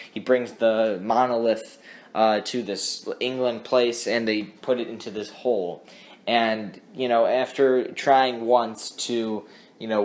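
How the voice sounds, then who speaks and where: A young man hosting a casual TV episode review, rambling with many restarts and fillers. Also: medium pitch. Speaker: host of a TV review channel.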